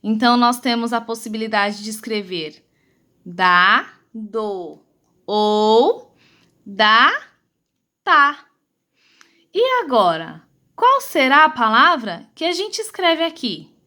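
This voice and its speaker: A woman teaching a remote lesson to young children with a Brazilian Portuguese accent, affectionate and slow, spelling out syllables. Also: on the high side, very animated, sharp tone. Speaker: primary school teacher.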